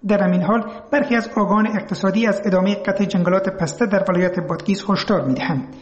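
In an echoing room, an Afghan man reads a scripted radio report. His voice sits high for a man, and he delivers the news as a reporter. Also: dull audio. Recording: roomy, echoing voice recording.

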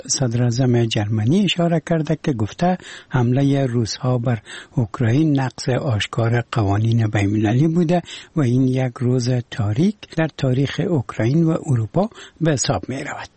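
Dry, mellow, husky Afghan newsreader. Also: male voice, mid-range voice, no room sound. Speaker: radio news presenter. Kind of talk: scripted news reading.

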